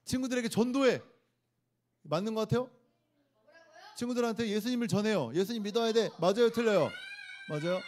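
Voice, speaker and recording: A man's voice: high voice, brisk, pauses often, darkish tone. A man, a pastor, giving a children's sermon in a church room, playfully quizzing the kids and having them repeat phrases after him. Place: church worship room indoors.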